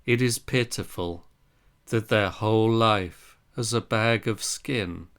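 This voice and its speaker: A man reading a translated Buddhist scripture aloud in measured, deliberate phrases. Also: fairly low pitch, fairly bright tone, smooth. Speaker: reader of a Zen Buddhist text.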